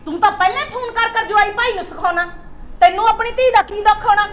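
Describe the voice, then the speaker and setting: A woman's voice: very high-pitched, quick pace, fairly bright tone, soft background music. An actress playing an angry, protective middle-aged mother who scolds and accuses her husband. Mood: accusing. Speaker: mother of a married daughter. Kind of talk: Punjabi short film acting.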